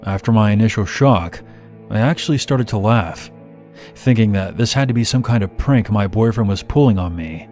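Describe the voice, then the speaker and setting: A man narrating a horror story in steady first person, scripted. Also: lowish voice, normal speed. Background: faint music.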